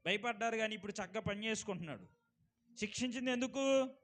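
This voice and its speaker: A male pastor preaching a sermon, swinging from loud exclamations to quiet asides and asking the congregation questions. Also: high-pitched, quick pace. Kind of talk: Telugu church sermon.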